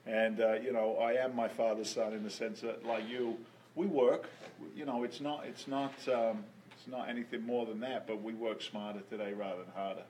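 A man from England with an English accent, telling personal stories in a casual conversation, with lively shifts in feeling and frequent repeated words. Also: on the low side, normal speed, slight background noise, low-quality recording. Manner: storytelling, animated, repeats words.

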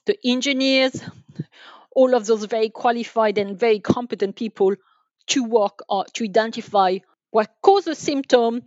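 In this clip, a woman sits in as a podcast guest and discusses business as an enterprise sales manager. Her voice is on the high side and a little mellow, and she speaks falteringly, going back over words as she thinks. The echo-free sound is dry and muted, like a band-limited online call.

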